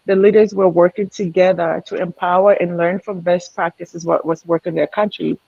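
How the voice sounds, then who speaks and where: A woman's voice: lowish voice, steady tone, brisk, vocal fry, darkish tone, no echo. A woman on a virtual panel, speaking in an earnest, admiring way with many fillers. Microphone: video call. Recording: dull lo-fi video call audio.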